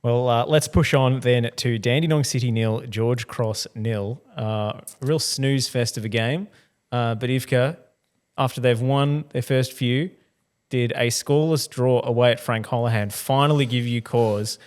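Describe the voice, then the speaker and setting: A man with an Australian accent, hosting a football podcast in a wry, quick-talking way. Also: medium pitch, steady tone, a little mellow. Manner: wry, quick, self-mocking. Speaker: podcast host. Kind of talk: casual podcast chat.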